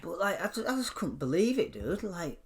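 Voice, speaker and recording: A young man tells stories on a casual chat show. He is lively and animated, breaks into laughter often and swears without a second thought. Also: high-pitched, a little fast. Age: 20s. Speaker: podcast co-host.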